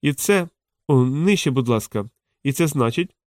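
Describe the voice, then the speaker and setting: A man's voice: medium pitch, expressive, normal speed, dry recording, studio quality, voice pushed up, close to an everyday voice. Give me a wry young thief with a raised, indignant voice, read by a man.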